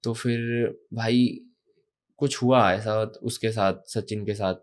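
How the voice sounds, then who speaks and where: A man's voice: fairly low pitch, fairly even intonation, slow. Young man telling a story, rambling. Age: young adult. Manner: rambling, addresses listener as bhai. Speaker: guest storyteller. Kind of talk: casual spoken storytelling.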